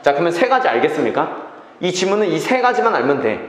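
A man's voice: fairly high pitch, big pitch swings, quick pace, background noise. A man teaching an English reading class, checking in with students and repeating key phrases. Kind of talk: classroom lecture. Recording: echoey classroom reverb.

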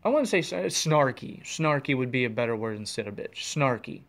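A man from the United States hosts a one-person podcast while driving, talking casually in a rambling fashion full of self-corrections and restarts. His medium-pitched delivery is brisk and sing-song, with vocal fry and a fairly bright tone.

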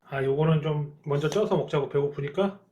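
A young woman filming her mother cooking at home, asking chatty questions and murmuring soft agreement. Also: deep voice, fairly quick, dull audio. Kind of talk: casual cooking chat. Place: home kitchen.

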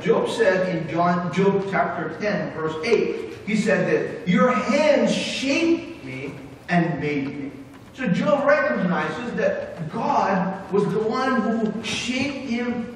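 A middle-aged man preaching a sermon as pastor, animated and moving about as he speaks. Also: high-pitched, a little hiss or hum. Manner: animated preaching with big hand gestures, moving about the stage. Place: church sanctuary with brick wall, indoors. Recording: echoey hall from far off.

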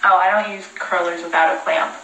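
A young woman hosts a casual livestream from her home, rambling and poking fun at herself as she talks on a phone. Her voice sits fairly low and stays steady, coming out fairly quick, pushed and bright. The room she's in sounds echoey.

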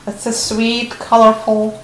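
A woman's voice: fairly high pitch, completely flat delivery, slow pace. A woman chatting casually with children as she hosts a food challenge, asking questions in a teasing way. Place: indoor room at home, off camera. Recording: roomy echo, faint background noise.

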